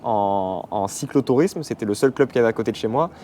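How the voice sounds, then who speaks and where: A man's voice: mid-range voice, animated, fast, dark tone, slight background noise. A man in his twenties from the Paris region, a runner speaking as guest in a casual interview, hesitant with many fillers. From Paris region, France. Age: 20s. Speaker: athlete guest.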